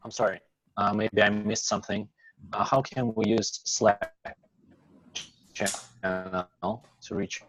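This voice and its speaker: A man's voice: lowish voice, steady tone, takes it slowly, pauses often, fairly bright tone. A man asking hesitant questions as a student on a video call whose connection keeps breaking up. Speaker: student in an online class. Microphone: computer mic on a video call. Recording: dull lo-fi call audio with faint noise.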